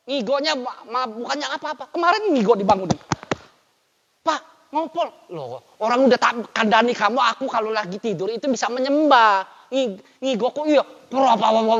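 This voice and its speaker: Older male pastor, high voice, lively sermon delivery; dull lo-fi recording with long church reverb. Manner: lively preaching with dramatic swings in loudness.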